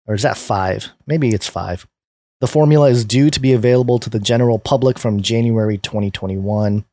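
A man's voice: lowish voice, fairly quick, warm tone, dry recording, studio quality. Laughing man reading news in chat. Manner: laughs often, reads news aloud. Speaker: podcast co-host. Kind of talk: casual political chat.

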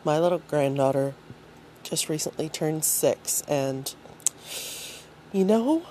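Older American woman, low mellow voice, lively swooping delivery, faint background noise. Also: takes it slowly. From United States. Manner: gushing, animated. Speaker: listener leaving a voice message. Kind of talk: recorded voice message.

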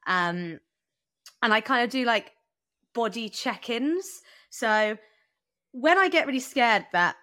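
A young woman talks as a podcast guest in a loose, chatty way, her sentences full of fillers and quick asides. Her voice is bright and forward, and the close mic leaves it dry with no room sound. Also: medium pitch, dry recording. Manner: chatty, lots of "like" and "um", laughs easily. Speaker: guest runner. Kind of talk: casual podcast interview.

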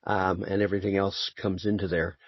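Low-ish guy, voice actor guest, easygoing chat, dry close sound but kinda muffled lo-fi. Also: a little fast, husky, no room sound. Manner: relaxed, conversational, dry humor. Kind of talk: casual interview chat. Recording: muffled lo-fi audio.

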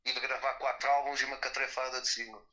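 A man from the Algarve in Portugal, a guest musician recalling a friend in a relaxed interview, with fillers and asides. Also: mid-range voice, fast talker, dull audio, crowd noise. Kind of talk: interview recollection.

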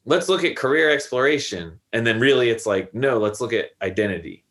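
A man's voice: mid-range voice, animated, a little fast, fairly bright tone. A man in his thirties, a podcast guest, talking reflectively in a loose, rambling way full of fillers. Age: 30s. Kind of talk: casual conversation.

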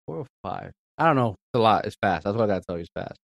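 A man's voice: on the low side, racing, gravelly, no room sound, studio quality. A man in his thirties chatting casually, laughing a lot and acting out his kids' voices in his stories. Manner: animated storyteller, acts out voices, laughs a lot. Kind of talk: casual chat.

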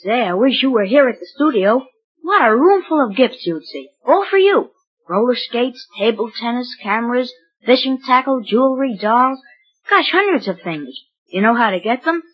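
A woman voicing a cheery, eager boy pitching in a 1930s radio advertisement. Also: very animated, moderate pace, slightly rough. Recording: muffled 1930s radio broadcast.

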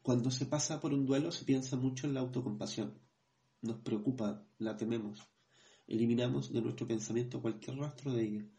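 A man co-hosting a podcast, reading passages from a book in a measured way, then hesitating as he comments in his own words. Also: mid-range voice, vocal fry, dark tone. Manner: measured reading, hesitant when speaking freely. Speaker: podcast co-host.

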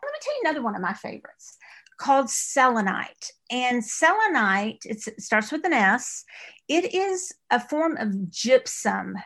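Brief: East Texas woman, podcast guest, talkative and meandering, voice on the higher side. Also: very animated, moderate pace, fairly bright tone. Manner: chatty and rambling, with many restarts and laughs. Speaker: podcast guest, author and crystal store owner. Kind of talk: casual interview chat.

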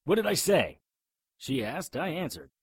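A man's voice: a little high, sing-song, normal speed, slightly rough, no echo, studio quality, heavily acted. A man playing a blunt, sardonic, urgent leader of frightened survivors in an audio drama. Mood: wry, blunt.

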